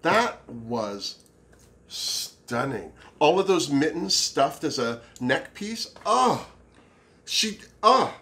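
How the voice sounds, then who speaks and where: A man chats casually as a campy drag queen. His pitch swings widely and he leans on words with drawn-out emphasis. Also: very animated, fairly bright tone. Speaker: drag show review co-host. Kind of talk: casual chat.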